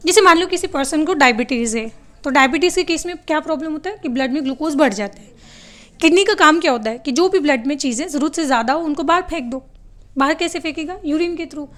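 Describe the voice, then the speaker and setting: A woman's voice: high voice, fast, fairly bright tone. A woman teaching a biology class, who asks her students questions and answers them herself, often switching to English terms. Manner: calls her students "beta" and tells them to write things down. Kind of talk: classroom lecture.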